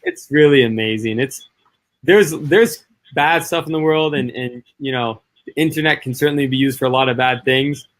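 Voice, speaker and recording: A talkative man from the northeastern United States tells stories as a guest in a relaxed, casual conversation. He speaks quickly at an ordinary middle pitch, dropping plenty of "like" and "you know."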